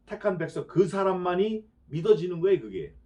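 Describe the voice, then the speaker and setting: A man pastor delivering an expository sermon. He speaks emphatically, fires off rhetorical questions and swings between soft, low asides and loud declarations. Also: very animated, brisk. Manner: dramatizes quoted speech.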